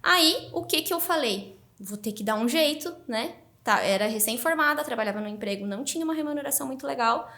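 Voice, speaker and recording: A woman's voice: on the high side, a little fast. A woman guest on a podcast, telling her story animatedly in a casual interview. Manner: animated, excited narration.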